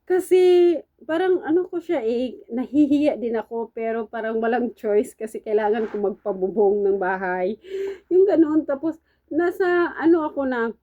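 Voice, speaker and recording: A woman's voice: a little high, normal speed, narrow, tinny audio. A woman from the Philippines in her thirties, an overseas domestic worker chatting casually to her viewers and calling them guys again and again. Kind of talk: casual chat vlog.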